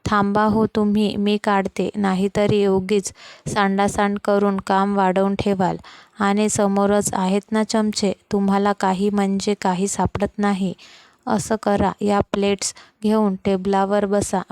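A woman's voice: mid-range voice, completely flat delivery, unhurried, darkish tone, smooth, no room sound, natural voice. A woman voicing a caring, fussy older mother-in-law who scolds kindly, in a storybook reading. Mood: fussing kindly.

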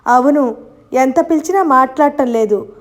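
A woman's voice: sits high, normal speed, lightly acted. A woman reading a novel aloud and voicing its young heroine, who calls out and pleads in fear. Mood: anxious. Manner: calling out, pleading.

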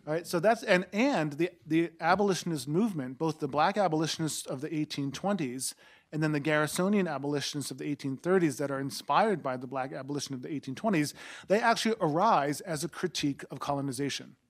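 Man, 40s, history professor, lecturing, explanatory, slightly high pitch, table mic, seminar room. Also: quick pace. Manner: explanatory, lecturing, with restarts and tag questions. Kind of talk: academic panel discussion. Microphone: table mic on a stand.

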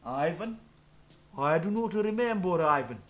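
Brief: a man playing a clownish fake-Russian meme guy, put-on Russian accent, a bit high, deliberately dumb. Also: animated, fairly bright tone. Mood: mocking.

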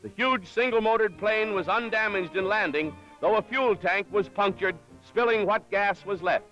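A man narrates an old 1930s newsreel in a formal announcer's manner, his voice sitting high. The sound is dull and lo-fi, as old film audio is. Loud music plays under him the whole way. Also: normal speed. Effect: old 1937 newsreel soundtrack played from archive.

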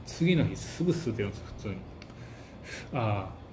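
Animated Kansai man telling stories. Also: lowish voice, brisk. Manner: animated storytelling that acts out quotes. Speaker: comedian and book-review host. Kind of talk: casual monologue. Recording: echoey room with faint hiss.

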